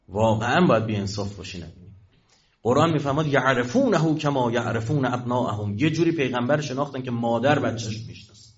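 High-voiced man giving a religious lecture. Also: fairly bright tone. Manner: asks the audience questions and answers them himself. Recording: dull lo-fi recording.

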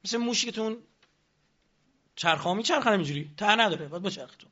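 A man's voice: sits high, expressive, bright, forceful tone, highs cut off. A man giving a lecture on politics, addressing the audience with rhetorical questions.

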